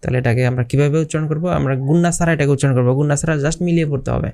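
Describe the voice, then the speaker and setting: A man teaching Quran recitation step by step, asking questions and then answering them, and drawing out example words slowly. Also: on the high side, fairly even intonation, a little mellow. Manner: explains patiently, asks questions and answers them himself. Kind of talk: step-by-step tajweed lesson.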